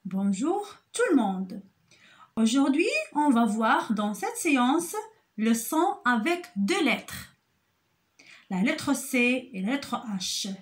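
A woman teaching a kindergarten phonics lesson, repeating sounds and syllables slowly and stressing each example word for young children. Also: on the high side, big pitch swings. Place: school, recorded for an online lesson.

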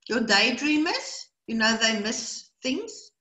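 Her voice runs fairly high and very animated, slow yet pushed and bright, and the room sound is noticeable. She is a middle-aged South African brain training educator whose first language is Afrikaans, giving a rambling webinar full of fillers and repeated words via webcam from a small indoor room.

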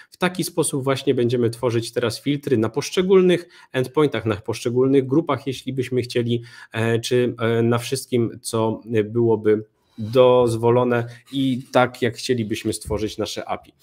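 Young male speaker, live coding demo from a small home room, relaxed, halting delivery. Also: medium pitch. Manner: relaxed, many fillers and restarts. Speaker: conference speaker.

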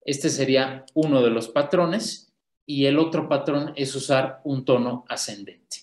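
A man delivers an academic conference presentation over a video call in a measured, explanatory way. His voice sits at an ordinary middle pitch. He often hesitates and corrects himself, and the room around him rings with a noticeable echo. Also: a little mellow. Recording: roomy echo.

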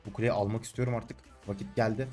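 A young man casually commentating his own gameplay, taunting and yelling at the screen, then calming down to explain his moves. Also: lowish voice, fast talker, soft background music. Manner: excitable, shouts and taunts at the game, swings between calm and loud.

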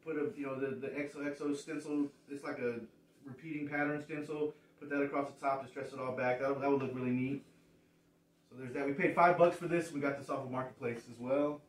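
A man's voice: mid-range voice, fairly even intonation, brisk. A man in his thirties casually showing off thrift finds, rambling and restarting his phrases, in a living room filmed by a distant camera. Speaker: thrift reseller showing a haul. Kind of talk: casual show-and-tell. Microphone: far camera. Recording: echoey room, far from mic.

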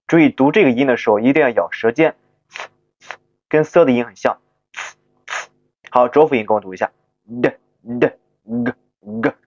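A man's voice: mid-range voice, fairly quick, long pauses, a little mellow, no echo, faint music behind. A man with a native Chinese tongue leads a phonics lesson, patiently stretching out each example word. His voice sits in a middle range. The recording is dull and muffled, with a dry, close sound. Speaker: English pronunciation teacher.

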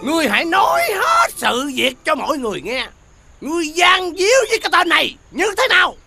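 A man's voice: extremely high pitch, huge pitch swings, a little fast, gravelly, heavily acted. A man playing a stern village chief who accuses in a formal, authoritative way, with music behind.

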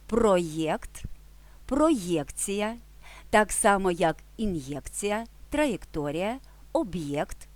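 Female teacher for a spelling lesson; animated, expressive pitch, careful and measured. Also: no echo. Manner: clear, deliberate dictation of example words. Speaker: language teacher.

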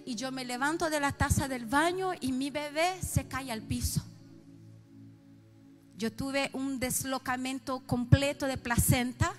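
A middle-aged woman pastor with a Chilean accent, giving an emotional sermon testimony that swings from soft confiding to loud outbursts. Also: sits high, fairly even intonation, a little slow, faint music behind.

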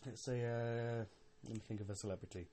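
A young man, a little drunk, giving a casual, halting, rambling monologue with repeated words and some swearing, as a podcast host. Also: mid-range voice, fairly even intonation, warm tone, slight background noise. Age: young adult.

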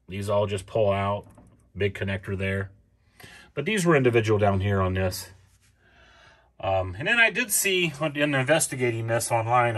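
A man casually walking through his own furnace repair off camera, plain and unhurried, with many ums and restarts. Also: lowish voice. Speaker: homeowner showing a repair. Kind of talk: casual DIY walkthrough.

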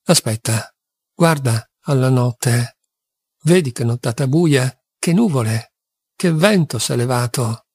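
A man's voice: mid-range voice, expressive, slow, darkish tone, husky, no echo, heavily acted. A man reading an audiobook, voicing a passionate, tormented young man who swings between despair and wild exultation. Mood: brooding.

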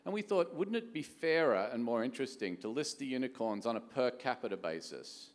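Animated and a little fast, this middle-aged Australian man gives a conference keynote in a chatty style, throwing out frequent rhetorical questions. A venture capital executive with a medium-pitched voice, he speaks from a big hall stage where long reverb echoes around him.

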